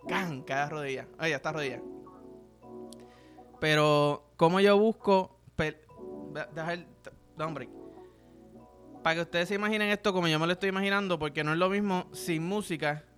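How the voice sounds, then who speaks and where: A man's voice: fairly high pitch, fast, sharp tone. A young man with a Puerto Rican accent, hosting a podcast in a crude, rambling, joking monologue. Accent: Puerto Rican Spanish. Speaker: podcast host. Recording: music playing in background.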